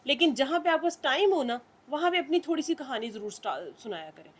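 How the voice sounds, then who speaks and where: A woman's voice: high-pitched, animated. A woman leading a spiritual group, coaching a member in an instructive way and asking "right?" after nearly every point. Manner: instructive, checks in with "theek hai?" constantly.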